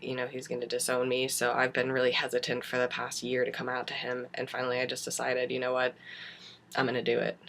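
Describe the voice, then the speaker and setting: A young adult man with a raspy smoker's voice, chatting casually and haltingly in a video diary. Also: mid-range voice, fairly bright tone, slight background noise. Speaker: vlogger giving a transition update.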